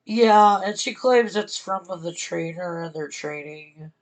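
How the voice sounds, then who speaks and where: A man hosting a casual reaction stream, talking in a halting, emotional way and swearing often. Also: sits high. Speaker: streamer host.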